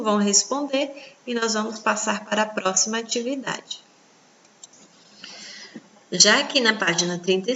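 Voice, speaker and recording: Slow, bright-voiced woman teacher. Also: mid-range voice, muffled recording, slight background noise. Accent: Brazilian Portuguese. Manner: slow, patient, pointing at the page. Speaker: primary school teacher. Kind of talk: recorded online lesson for children.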